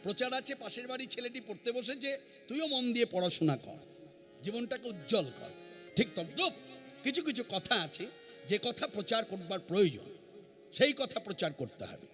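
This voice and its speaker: A man's voice: very high-pitched, lively intonation, moderate pace, sharp tone, soft background music. A man preaching a devotional sermon to a gathering, earnest and emphatic, repeating his key phrases. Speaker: kirtan singer and preacher. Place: standing before an assembly.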